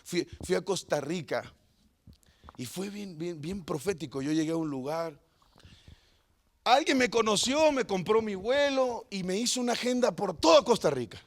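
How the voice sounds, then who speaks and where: A male pastor preaches a sermon, telling a humorous story and swinging between loud and hushed delivery. His voice sits high, and he sounds animated at a moderate pace.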